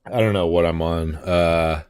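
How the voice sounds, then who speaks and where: A man's voice: low voice, fairly even intonation, a little slow, darkish tone, clean tone, dry recording. A man hosting a show, chatting casually in a rambling, hesitant way with many fillers while drinking beer. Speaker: host. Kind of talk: casual chat.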